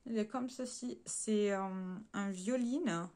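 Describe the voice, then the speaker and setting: A woman runs through a casual beauty haul at an everyday mid pitch. She talks straight to her viewers in a loose, chatty way, pausing on fillers and correcting herself mid-sentence. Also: dark tone. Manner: chatty, hesitant with frequent fillers and self-corrections; addresses viewers directly while showing swatches. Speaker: beauty vlogger.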